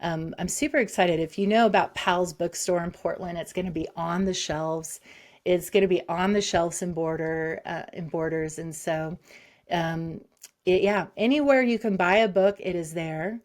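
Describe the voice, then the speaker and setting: A woman psychologist talks casually as an interview guest. Her voice sits a little low, and she rambles in a lively way, restarting her sentences and scattering "um" and "you know" as she goes. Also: normal speed.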